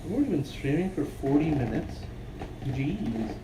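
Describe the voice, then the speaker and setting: With a slightly high, very animated voice at normal speed, a young man rambles offhand to his stream as he games, often talking to himself, sniffly and congested. He's in a room at home, the sound echoey and background-noisy from a mic set at a distance.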